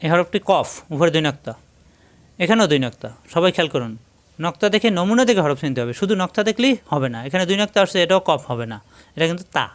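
Guy teaching quran reading, bit high voice, spells letters out and repeats words slow. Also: expressive. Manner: spells out letters and vowel marks, then repeats each word slowly; repeats the same reminder again and again. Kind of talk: step-by-step recitation lesson.

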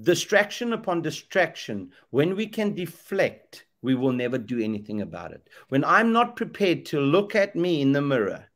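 A middle-aged Zambian man preaches passionately in a fairly high, slightly bright, sing-song voice at normal speed with few pauses. He's on a webcam video call indoors, leaning on repetition and rhetorical questions like a preacher.

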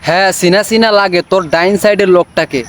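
A man's voice: high voice, steady tone, fast talker, faint music behind. A man with a giving a mocking, scolding commentary on video clips, sarcastic and insulting.

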